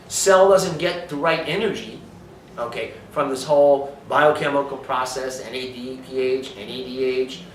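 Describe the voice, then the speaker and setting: A man's voice: mid-range voice, slight background noise. A man giving an emphatic health talk, lecturing and asking rhetorical questions. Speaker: speaker on supplementation. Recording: echoey room from far off.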